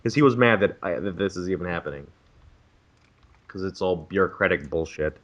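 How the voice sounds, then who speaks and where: Man, twenties, bright tense voice, exasperated profane rant, casual podcast talk. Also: sits low, expressive, fairly quick, muffled recording. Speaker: podcast co-host.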